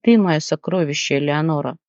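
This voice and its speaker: An ardent young man in love, speaking soft words of devotion, as the audiobook reader plays him. The recording is close and dry, with a dull edge. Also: medium pitch, brisk, no echo, lightly acted. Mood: tender. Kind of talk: audiobook character reading.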